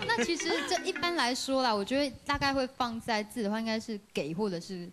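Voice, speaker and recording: A woman's voice: a little high, a little fast. A woman with a Taiwanese Mandarin accent hosting a TV class, chatty and asking leading questions. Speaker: TV show host. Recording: background music under speech.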